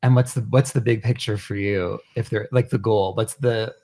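A woman's voice: rumbling low, steady tone, normal speed, mellow. A woman hosting a podcast, upbeat and giggly as she interviews guests in casual chat. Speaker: podcast host.

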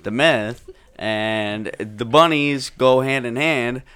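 A young man chatting casually as a co-host, his voice smooth and clear. He rambles a little and stretches his asides out. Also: mid-range voice, takes it slowly, sharp tone. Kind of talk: casual chat.

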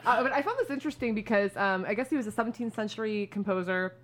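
A woman's voice: medium pitch, lively intonation, quick pace. A woman co-hosting a podcast, telling a story in frank, joking casual chat. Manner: chatty, frank, joking, many "like" fillers. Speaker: podcast co-host.

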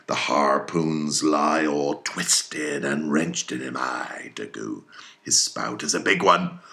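Captain Ahab, very deep, fierce old seafarer. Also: male voice, exaggerated voice. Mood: rousing, fierce. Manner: archaic seafaring oratory, shouting and brooding. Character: obsessed old sea captain, fierce and vengeful.

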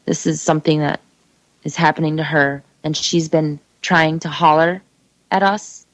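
A woman's voice: low voice, fairly even intonation, moderate pace, no echo, low-quality recording. A woman telling her own story in an urgent, emphatic monologue, speaking straight to her listeners. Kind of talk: personal testimony monologue.

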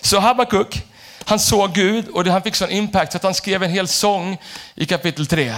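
A male pastor preaching an animated sermon, jumping from shouted lines to quiet asides. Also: high voice. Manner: animated, shifts between shouting and hushed asides. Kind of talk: energetic sermon.

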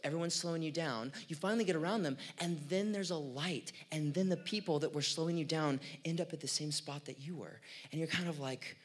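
A man's voice: a little high, a little fast, hardly any pauses. A man with a slightly raised voice preaching in a loose, joking way. He tells a story with plenty of restarts and fillers, and it builds into comic venting. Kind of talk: sermon.

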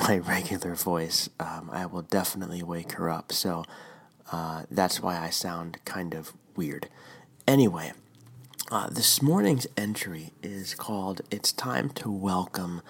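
A man in his thirties whispering through a homespun devotional podcast at home. His voice sits low and husky, kept hushed so it won't carry to the next room. He talks his own blog post over loosely and keeps asking the listener if they follow. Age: 30s. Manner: conversational, checks in with listener. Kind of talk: casual reading of a blog post.

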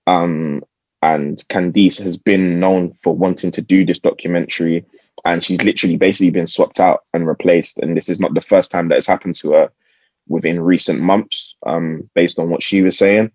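A man's voice: sits low, steady tone, normal speed, darkish tone, no room sound, lo-fi sound. A man with a London roadman accent talking casually in a group discussion, slangy and punctuating his points with tag questions. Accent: London, roadman-style urban slang.

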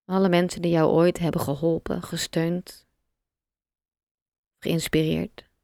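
Calm, gravelly-toned meditation guide woman. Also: lowish voice, dry recording, studio quality. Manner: slow, soft and calm, with long pauses.

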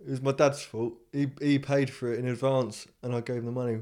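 A man's voice: mid-range voice, little pitch movement, a little fast, a little mellow. Young man rambling through stories. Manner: rambling anecdotes with frequent restarts and acted-out quotes. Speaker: storyteller. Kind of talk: casual chat.

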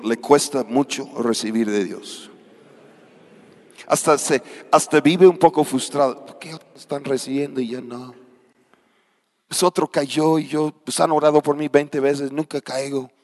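A male pastor preaching a charismatic sermon, surging loud and dropping quiet. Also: a little high. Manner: preaches with sudden loud surges and quiet drops. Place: church hall. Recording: long hall reverb.

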